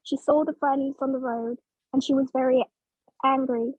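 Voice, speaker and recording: Woman narrator, high voice, dry close recording, clear simple storybook reading for English learners. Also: steady tone, normal speed, darkish tone, no room sound, dull audio. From Vietnam.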